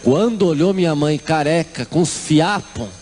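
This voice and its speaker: A middle-aged man with a Brazilian accent delivers a church testimony as lively comic storytelling. His voice sits a little high, and he slips into the people of his story as he talks. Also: normal speed, slight background noise. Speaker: testimony speaker.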